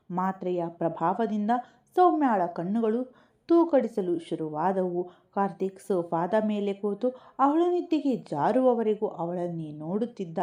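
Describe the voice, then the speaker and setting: A woman narrating a romantic audio story in a calm, steady storytelling manner. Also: mid-range voice. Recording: dull lo-fi recording.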